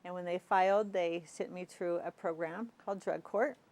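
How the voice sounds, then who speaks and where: A woman guest on a TV interview, telling her own story hesitantly, with many fillers and throat clearing. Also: lowish voice, steady tone, normal speed, darkish tone.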